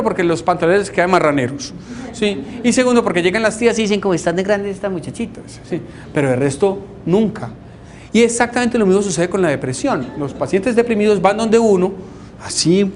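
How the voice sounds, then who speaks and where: A man with a Colombian accent talks casually and with dry humour as a doctor lecturing on depression. He keeps checking in with his listeners. A faint rumble sits under the recording. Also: a little mellow. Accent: Colombian Spanish. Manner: conversational and wry, often checking in with "¿sí?".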